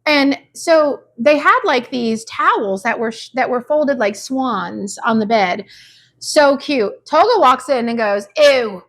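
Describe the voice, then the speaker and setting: High-voiced chatty woman recapping TV. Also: unhurried. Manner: animated, mimics people in quotes, frequent "like". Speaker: reality show recap host. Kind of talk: casual chat.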